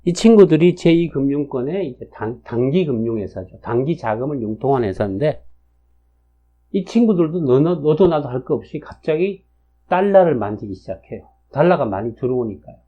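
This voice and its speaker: A man's voice: mid-range voice, lively intonation, normal speed. A man in his sixties giving a casual spoken lecture, chatty, with frequent fillers and tag questions. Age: 60s. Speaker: lecturer on national fortune cycles. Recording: dull lo-fi recording.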